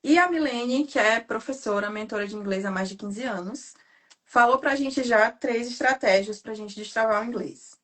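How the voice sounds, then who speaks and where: Fast-talking Cearense Brazilian woman host. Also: fairly high pitch. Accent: Cearense Brazilian Portuguese. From Ceará, Brazil. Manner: fast talker, animated storytelling. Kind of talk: casual live interview.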